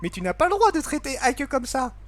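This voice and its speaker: A man doing a sweet young girl, high and pleading. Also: very animated, a little fast.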